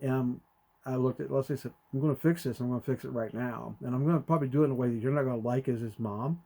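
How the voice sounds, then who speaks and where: Animated storytelling man. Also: medium pitch, quick pace, vocal fry. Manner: animated, acts out quotes with sudden loud jumps. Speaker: podcast co-host. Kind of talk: conversational storytelling.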